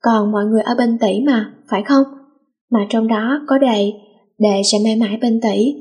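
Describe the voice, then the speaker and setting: A woman voicing a gentle younger brother who comforts his sister in a read-aloud story. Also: fairly high pitch, steady tone, moderate pace, breathy edge. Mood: comforting. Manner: soothing and reassuring.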